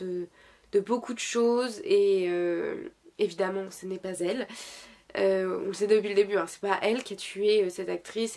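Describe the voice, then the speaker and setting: A young woman talks casually to her viewers while sick, pausing often to search for words. Her voice sits at an ordinary pitch but carries a gravelly, creaky fry. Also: darkish tone. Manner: hesitant, many fillers and restarts. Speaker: YouTuber reviewing dramas. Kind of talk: casual chat.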